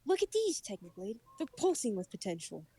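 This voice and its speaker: A woman's voice: medium pitch, sing-song, brisk, warm tone, slightly rough. A woman putting on a boastful little boy prince who pouts and whines, read aloud from a story. Her tone turns darker and mellower than her usual voice. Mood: petulant. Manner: pouting, petulant.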